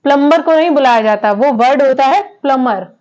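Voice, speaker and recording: A woman's voice: sits high, fairly quick, a little mellow. A woman teaching English in a classroom style, repeating each word and quizzing her students with questions. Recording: dull lo-fi sound.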